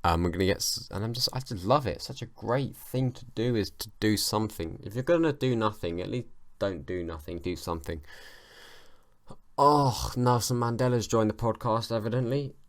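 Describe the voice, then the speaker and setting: A man's voice: on the low side, lively intonation, fairly quick, hardly any pauses, no room sound. A young man hosting a solo comedy podcast, rambling and mumbling through a self-mocking stream of thought on a home mic. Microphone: home mic with makeshift pop filter.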